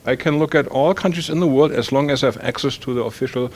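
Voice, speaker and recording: A man's voice: medium pitch, quick pace. A man from Germany with a German accent, speaking on an academic panel and thinking aloud with many fillers and restarts.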